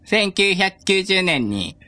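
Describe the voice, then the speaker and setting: A stiff, overly polite male robot recites formal, scripted answers in a flat delivery, as a man puts on the voice. The pace is slow and measured. It is part of a comedy skit on a radio show. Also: high voice, no echo, exaggerated voice. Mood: recitative.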